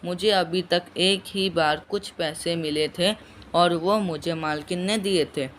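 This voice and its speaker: A man reading aloud as a timid young female servant who speaks slowly and tremblingly. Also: sits high, steady tone, a little hiss or hum. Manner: slow, soft, trembling delivery.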